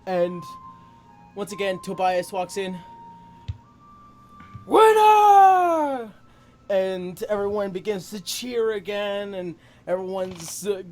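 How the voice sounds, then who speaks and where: A man's voice: high voice, flat delivery, darkish tone, soft background music. A man narrating a tabletop role-playing game as game master, hesitating often with ums and uhs. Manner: slow, halting narration full of ums and uhs.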